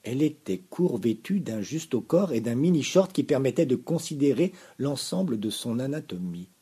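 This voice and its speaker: A man reading a comic story aloud in a lively, mock-dramatic manner. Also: mid-range voice, normal speed, husky.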